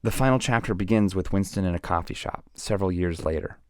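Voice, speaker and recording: A man's voice: low-pitched, fast, no echo, clean studio sound. A man hosting a book channel, retelling a novel's plot with grave, dramatic storytelling emphasis.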